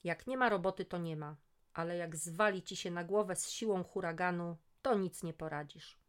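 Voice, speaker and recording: A woman reading a story aloud in a lively, expressive way as a storyteller. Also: lowish voice, normal speed, clear, resonant tone.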